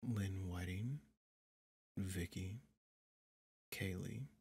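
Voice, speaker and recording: Low, breathy man slowly reading names. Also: darkish tone. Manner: slow, measured name reading. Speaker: audio creator thanking supporters.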